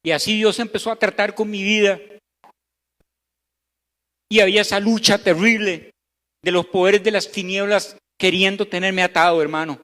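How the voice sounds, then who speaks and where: A man with a Costa Rican Spanish accent preaching a sermon as pastor, swinging between loud emphasis and hushed, slow passages. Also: sits high, fairly even intonation. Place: church hall. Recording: echoey church hall.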